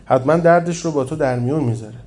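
A man's voice: a little high, darkish tone, lightly acted. A man reading the lines of a worried middle-aged mother, sad in tone.

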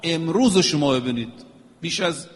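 A man's voice: fairly high pitch, lively intonation. A man preaching a religious sermon, emphatic and rhythmic, chanting Arabic phrases now and then. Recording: long echo of a hall.

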